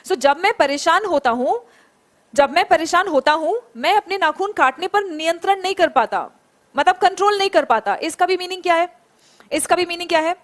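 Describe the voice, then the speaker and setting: Woman teacher, high voice, slow drilled example phrases, encouraging online class. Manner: drills phrases slowly, praises students by name. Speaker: English teacher. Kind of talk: online spoken English class.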